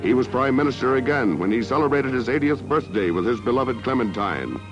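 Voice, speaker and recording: A man's voice: medium pitch, animated, fairly quick. A man narrating an old 1960s newsreel in a declamatory, stately manner, heard on a film soundtrack. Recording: dull lo-fi 1960s newsreel audio with music.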